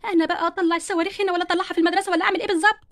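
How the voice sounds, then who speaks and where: A woman voicing a mischievous, defiant schoolgirl doll in an Egyptian accent, cheeky and quick-talking. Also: very high-pitched, fairly even intonation, fairly bright tone. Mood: scheming. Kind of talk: doll-play storytelling.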